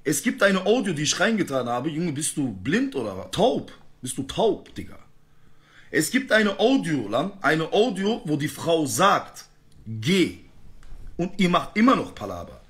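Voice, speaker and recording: A man's voice: fairly high pitch, very animated, normal speed, fairly bright tone. A man ranting heatedly in a live-stream argument, full of street slang.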